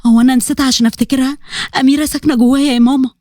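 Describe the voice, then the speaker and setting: A woman's voice: high voice, fairly even intonation, rapid-fire, a little mellow, dry recording, clean studio sound, close to an everyday voice. A woman voicing an affectionate teenage daughter with an Egyptian accent, coaxing her father. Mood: sad. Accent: Egyptian Arabic.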